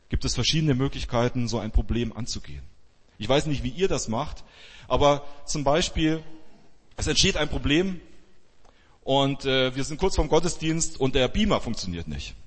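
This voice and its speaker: Husky-voiced male pastor in reverberant hall. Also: mid-range voice. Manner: lively storytelling, acting out quoted speech. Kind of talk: sermon retelling a Bible story.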